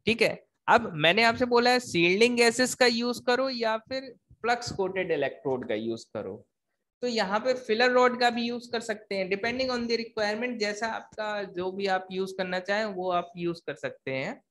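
A man whose voice sits high and a bit bright, speaking at normal speed, teaches engineering in an explanatory technical lecture. Repeating points and slipping in English technical terms, he raises his own questions and then answers them.

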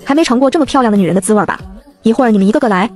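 A woman's voice: a little high, expressive, racing, darkish tone, faint music behind. A woman reading the lines of a brazen, bullying teenage boy in a storybook narration, in a blustering, bossy manner.

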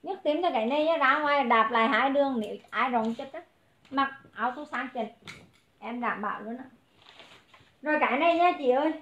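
A woman selling clothes on a livestream, briskly calling out prices and greeting viewers by name. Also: high-pitched, fairly bright tone, reverberant. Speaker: online clothing seller. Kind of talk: livestream sales pitch.

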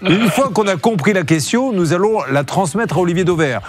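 Male host, quick teasing delivery, slightly high voice. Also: lively intonation. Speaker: show host. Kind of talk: joking live consumer-advice show.

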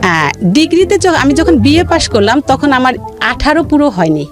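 In a radio interview with music beneath her, a rural Bangladeshi woman shares her life story in a Bangladeshi accent. Her high, sing-song voice moves at a normal speed, and she stresses ideas by repeating phrases emphatically.

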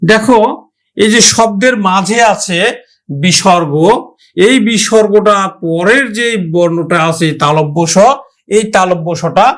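A male teacher from Bangladesh giving a spoken lesson, slow and deliberate, repeating and drawing out example words. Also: high voice, fairly bright tone.

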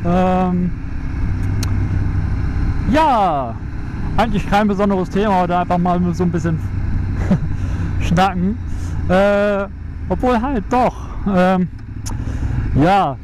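A man's voice: high voice, slow, pauses often. A young man chatting casually into a helmet microphone while riding a motorcycle, hesitant, with many fillers and restarts. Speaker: motovlogger. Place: on a motorcycle on a country road. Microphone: microphone inside a helmet. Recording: loud wind and road noise. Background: wind and engine noise.

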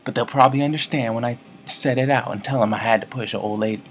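A man's voice: mid-range voice, fairly even intonation, fast talker, slight background noise. A man telling a story to camera in a comic vlog, rambling, mock-serious and constantly correcting himself. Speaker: comedy vlogger.

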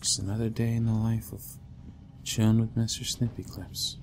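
A young adult man commentating a horror game, dropping to whispers and breaking into loud panicked yelps. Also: lowish voice, flat delivery, moderate pace, a little hiss or hum. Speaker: gamer. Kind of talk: let's play commentary.

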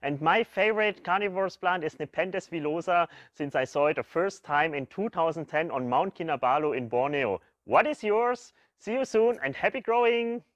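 Man, thirties, German accent, very high register, dry sound, upbeat greeting. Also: animated, moderate pace, hardly any pauses, a bit bright, no room sound. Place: large greenhouse.

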